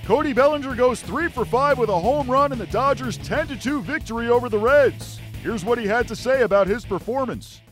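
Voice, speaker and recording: Very high-pitched male sports recap narrator. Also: brisk. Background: light music.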